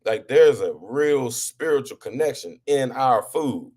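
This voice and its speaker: Hosting a live talk show, a man with a mid-range, expressive voice talks casually to his audience at a measured pace. He frequently repeats himself and starts sentences over, getting louder whenever he's fired up.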